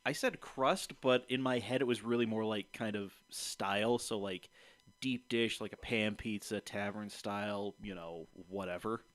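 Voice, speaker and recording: A man's voice: on the low side, fairly even intonation, moderate pace, a bit bright, no room sound. A man bantering casually on a live stream in a brash frat-bro manner, slangy and full of swearing.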